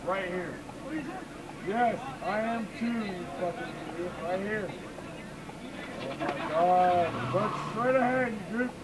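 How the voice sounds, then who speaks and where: A young man, a drunk and unruly car passenger, swearing and hurling insults as he shouts to a friend. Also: high-pitched, slow. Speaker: rideshare passenger. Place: inside a car on a street at night. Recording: noisy car interior with street noise.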